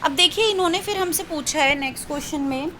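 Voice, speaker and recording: A woman tutor with an Indian accent giving an exam-prep lecture. She explains step by step, reads questions aloud slowly and often checks in with "ठीक है". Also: high voice, pushed and bright, a little hiss or hum, rough recording. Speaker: teacher-training tutor.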